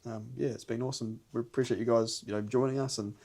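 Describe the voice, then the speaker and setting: A man's voice: medium pitch, steady tone, fast, warm tone. Kiwi man chatting earnestly, broad accent. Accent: New Zealand. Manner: earnest, rambling, slangy. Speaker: podcast host. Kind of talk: casual podcast chat.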